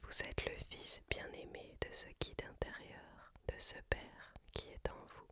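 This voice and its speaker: A reader speaks entirely in a hushed library whisper. The delivery is very slow and measured, phrase by phrase, in the manner of an ASMR book reading. The voice stays unvoiced throughout.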